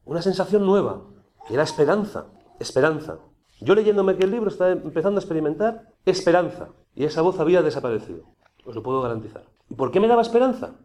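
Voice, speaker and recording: A man giving a personal testimony to an audience, speaking in a conversational, animated way. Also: fairly high pitch, quick pace. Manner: conversational, animated, with many restarts.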